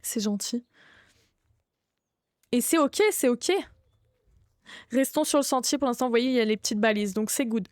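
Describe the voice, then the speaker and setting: A young woman with a high, bright-sitting voice chats her way through a horror game on a live stream. She greets her viewers one by one and swears casually. Her voice is recorded close and dry on a desk mic. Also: moderate pace, pauses often, dry recording. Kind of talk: live gaming stream commentary.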